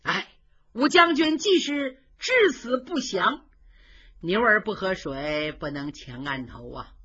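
A woman putting on a mild, conciliatory young prince in a storytelling piece, soft and measured, slow, with a bright but slightly husky tone. he soothes the angry men around him, and the recording is dull and lo-fi. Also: mid-range voice, big pitch swings, heavily acted. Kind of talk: traditional storytelling.

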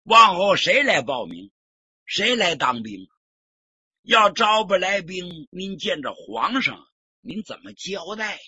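A man playing a soft-spoken deferential officer, lo-fi. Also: sits high, big pitch swings, slow, husky, dry recording, heavily acted. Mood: persuasive. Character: cautious male army officer, reasoning and deferential. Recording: dull lo-fi recording.

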